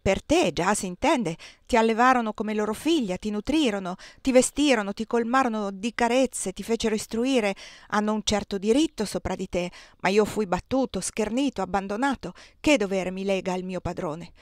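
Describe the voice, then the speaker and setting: Voicing an enslaved young husband, a woman in a dry, close audiobook recording gives a bitter, indignant, lightly acted reading at normal speed. Her mid-range voice carries no room sound as the character talks grimly about his master.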